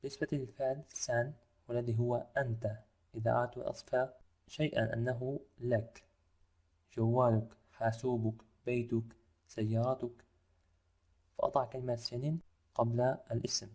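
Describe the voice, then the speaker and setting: A man teaching a language lesson, explaining rules step by step and slowing down to spell out example phrases. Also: mid-range voice, darkish tone.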